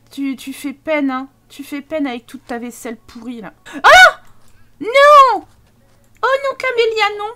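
A French-speaking woman hosting a let's play video, commenting chattily and with quick exclamations. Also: high voice. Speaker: gaming channel host.

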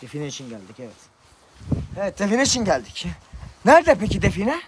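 Dazed young man speaking quietly. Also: high-pitched, huge pitch swings, a little fast, noisy background. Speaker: vlogger's companion.

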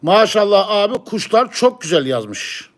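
A man with a fairly high voice in a casual chat. He explains what he is doing step by step, going back over the same points in short repeated phrases. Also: sing-song, a little slow, a bit bright. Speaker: pigeon live-stream channel owner.

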